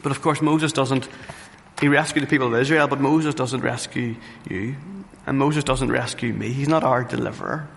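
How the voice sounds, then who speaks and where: Male preacher, mid-pitched and gravelly, earnest sermon with halting restarts; faint room noise. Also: steady tone. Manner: earnest, repeats phrases for emphasis, frequent restarts. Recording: reverberant hall with faint ambient noise.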